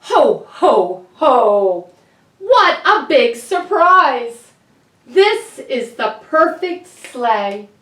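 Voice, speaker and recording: In an echoey room, a bit away from the mic, a woman puts on a jolly old Santa from a children's storybook. The voice is hearty and warm-hearted, with slow, drawn-out delivery. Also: very high voice, big pitch swings, distant mic, voice pushed up, exaggerated voice. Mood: jolly, delighted.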